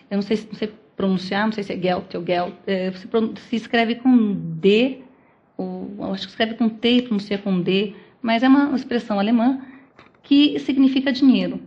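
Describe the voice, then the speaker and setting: A woman's voice: mid-range voice, moderate pace, dull audio. A Brazilian woman giving a law lecture, explaining step by step and posing rhetorical questions to the audience. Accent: Brazilian Portuguese. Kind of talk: academic lecture. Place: lecture hall.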